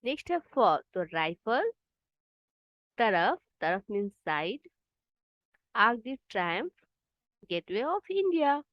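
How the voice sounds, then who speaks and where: A woman's voice: fairly high pitch, no echo. Patient woman teaching a children's lesson. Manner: patient, explains words in English. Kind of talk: children's Hindi lesson, explaining answers. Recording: dull, slightly muffled dry sound.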